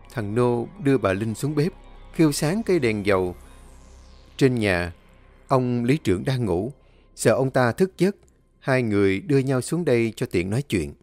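A man narrating an audio story in a steady, measured reading. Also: medium pitch.

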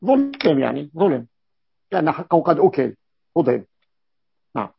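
A man's voice: a little high, very animated, moderate pace, creaky, breathy edge, dry recording. A man teaching a classical grammar lesson, repeating key terms and asking his students checking questions. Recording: dull lo-fi dry recording.

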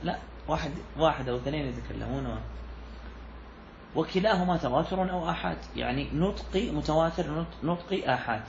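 A sheikh teaches a classroom lecture on a classical Islamic jurisprudence text, repeating key phrases and putting questions to his students. His voice is on the high side, fairly quick, with vocal fry. The audio is dull, with slight background noise.

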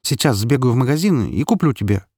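A man's voice: medium pitch, animated, fast, slightly rough, no echo, studio quality, pitched above the performer's own voice. A man voicing a scared, defiant mother. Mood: firm. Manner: pleading, then sharp and scolding. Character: frightened, defiant mother, adult woman. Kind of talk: audiobook character voice.

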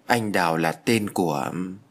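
A man's voice: sits low, measured pace, voice pushed down. A man voicing a hesitant young man in an audio story.

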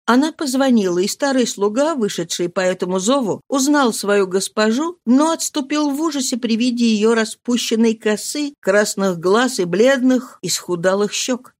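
A woman reading a novel aloud as narrator, in an expressive, dramatic manner. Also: a little high, moderate pace, few pauses. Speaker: audiobook reader. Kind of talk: scripted narration.

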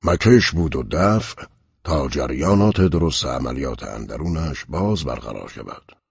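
A man narrating a literary audiobook in a measured, serious way, with a husky, gravelly voice. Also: a bass voice, animated, dry recording, muffled recording.

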